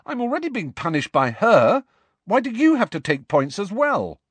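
A man's voice: sits high, huge pitch swings, normal speed, a bit bright, husky, no room sound, pitched above the performer's own voice, exaggerated voice. A man voicing a hot-tempered, indignant teenage schoolboy in an audiobook, blunt and protesting. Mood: furious protest. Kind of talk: audiobook character voice.

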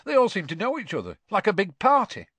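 A man voicing a blunt, suspicious older male campsite keeper who speaks loudly and gruffly. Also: sits high, wildly swooping pitch, fast, dry recording, pitched above the performer's own voice, full character voice. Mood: suspicious chatty.

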